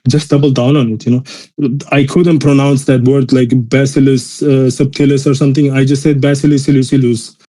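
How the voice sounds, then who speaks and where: A man from Austria, a native German speaker with a mixed European accent in English, talks casually and motivationally in a rambling, emphatic way peppered with bro slang. His voice is medium-pitched and warm, with a flat, brisk delivery.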